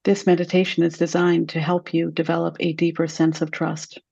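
A woman leading a guided meditation, speaking slowly and softly with long, calm pauses. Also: fairly low pitch, gravelly, husky, no echo, muffled recording. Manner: slow, soft and soothing, with long pauses.

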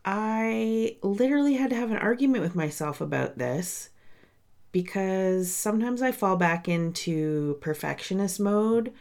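A woman with a mid-range, darkish voice hosts her own casual solo podcast, speaking unhurriedly and addressing listeners directly. She is a podcast host and coach, chatty and candid, and a sinus cold leaves her sounding nasal and congested.

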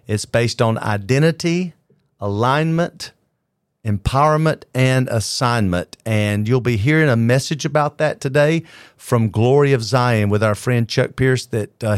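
A man hosting a faith podcast with a loud, announcer-like delivery, speaking in a studio. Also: medium pitch, clean tone, no room sound. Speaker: podcast host. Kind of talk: casual podcast chat. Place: studio room with soundboards.

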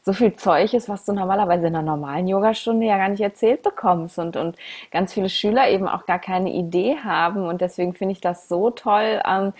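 A woman's voice: lowish voice, a little mellow, husky. A woman hosting a podcast interview in casual, enthusiastic conversation. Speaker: podcast host, yoga teacher.

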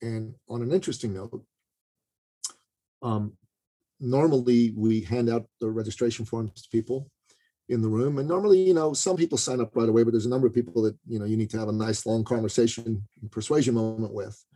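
A man's voice: medium pitch, fairly quick, mellow. A man telling a story as a podcast guest, talking casually and often checking in with "you know" and "right". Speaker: business coach.

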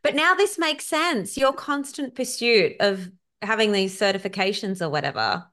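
A woman's voice: mid-range voice, animated, moderate pace, pushed and bright. A woman interviewing a friend, affirming her and offering reflective prompts in a conversational interview. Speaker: guest interviewer.

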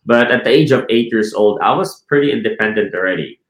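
A real estate team leader from the Philippines talks casually in an interview, repeating words, restarting sentences and asking "right?" often. His lowish voice is brisk with lively intonation, captured in an echoey room on a rough recording.

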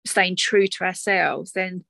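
A woman's voice: lowish voice, steady tone, takes it slowly, creaky, sharp tone, no echo. A woman with an Essex accent in a casual, reflective chat, talking in a chatty, conversational way as an interview guest.

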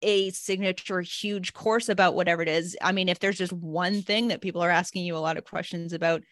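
Low-voiced woman guest, dry close sound. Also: steady tone, fairly quick, a bit bright, no echo. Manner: easygoing, encouraging advice. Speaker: podcast guest. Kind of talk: casual interview chat.

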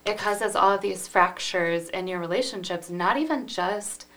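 A woman's voice: mid-range voice, normal speed, a bit bright, poor audio. A young woman hosting a casual conversation as a therapist, chatty and full of "it's like" fillers. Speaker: therapist host. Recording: faint background noise.

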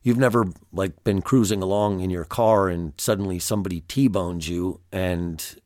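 Guy w low gravelly allergy-stuffed voice, talking straight to you like a self-help podcast host, dry close sound. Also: steady tone, normal speed, darkish tone, dry recording. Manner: direct, plain-spoken, addresses the listener. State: congested by allergies. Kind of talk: self-help monologue, conversational.

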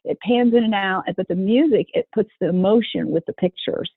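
This interview guest runs a horse program for young people and speaks earnestly about working with kids, often restarting sentences and doing voices for the people she quotes. Her mid-range voice is brisk with a breathy edge and no room sound, heard through a thin, tinny phone connection.

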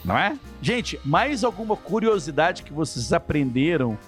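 A man hosting a casual podcast English lesson, acting out example phrases in a lively way. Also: a little high, moderate pace, soft background music. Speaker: English teacher, podcast host.

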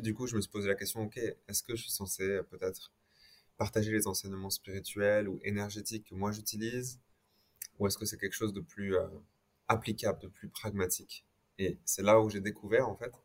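This interview guest, a man whose voice sits on the low side, muses conversationally about his experience, his French sprinkled now and then with English words.

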